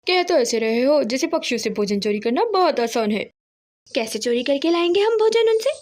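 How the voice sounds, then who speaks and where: A woman's voice: high voice, sing-song, fairly quick, a little mellow. Gauri, a woman voicing a sarcastic crow wife. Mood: mocking. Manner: teasing, sarcastic. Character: mocking female crow wife, sharp-tongued schemer.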